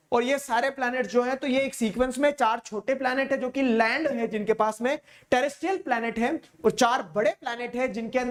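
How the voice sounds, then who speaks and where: A man teaching a geography lecture in a casual, chatty way, often stopping to check that listeners follow. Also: extremely high pitch. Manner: keeps asking listeners if they follow. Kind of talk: explanatory lecture.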